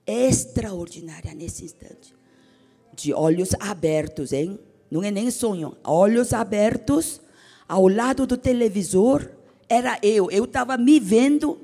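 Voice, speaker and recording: Woman preacher, slow dramatic testimony, hushed to fervent, reverberant hall with soft music. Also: mid-range voice, husky. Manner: dramatic, swings from hushed whispers to fervent exclamations. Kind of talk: emotional testimony sermon.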